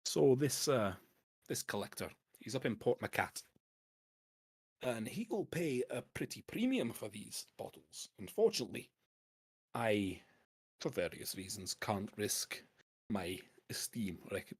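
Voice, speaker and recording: A man voicing a stingy, gruff male merchant with a Scottish accent that drifts toward Irish. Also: lowish voice, no room sound, studio quality, exaggerated voice. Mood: conspiratorial.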